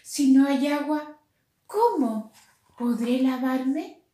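A woman's voice: a little high, animated, takes it slowly. A woman voicing a cold, complaining male toad in a storybook reading, with a plaintive manner. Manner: plaintive, grumbling. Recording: roomy echo.

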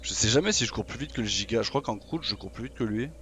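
A man giving live gameplay commentary on a survival game, excitable and taunting his opponents in casual slang. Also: on the low side, fast, a little hiss or hum. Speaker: gamer playing a dinosaur survival game.

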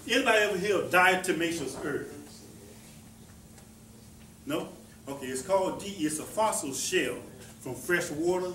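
A man with a fairly high voice gives a folksy, rambling talk, repeating himself and tossing questions out to the people in front of him. He sits back from the microphone, so he sounds distant in an echoey room. A faint hum of room noise runs underneath. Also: lively intonation, normal speed, long pauses, a bit bright. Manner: folksy, repetitive, asks the audience questions. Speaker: presenter teaching about herbs. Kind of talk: informal talk to a small audience.

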